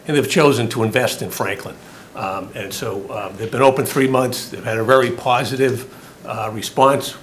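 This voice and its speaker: A man's voice: medium pitch, slight background noise. A man, an attorney for a business applicant, makes a courteous, persuasive presentation to a town council.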